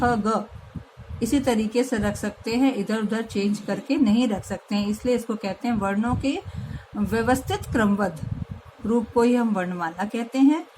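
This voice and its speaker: Woman teacher going real slow thru a lesson for little kids, kinda high voice. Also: darkish tone, slight background noise, rough recording. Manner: patient, spells out each sound slowly. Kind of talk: slow classroom grammar lesson.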